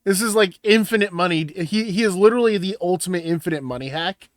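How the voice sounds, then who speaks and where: Excitable young male co-host, swears a lot, higher-pitched, dry recording. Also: fast talker, no room sound. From Washington State. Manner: loud, excitable, profane. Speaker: podcast co-host and streamer. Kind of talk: casual banter.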